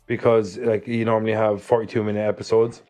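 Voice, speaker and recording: A man's voice: fairly low pitch, little pitch movement, fast, warm tone, faint music behind. A man from Ireland with an Irish accent, co-hosting a film podcast and thinking aloud with many fillers. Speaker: podcast co-host. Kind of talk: casual film review chat.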